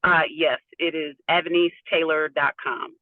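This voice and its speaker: A man's voice: a little high, fairly even intonation, normal speed, no echo. Man on a tinny car speakerphone. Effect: speakerphone from a moving car. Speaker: school board candidate. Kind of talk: casual remarks on a video call. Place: in a car while driving.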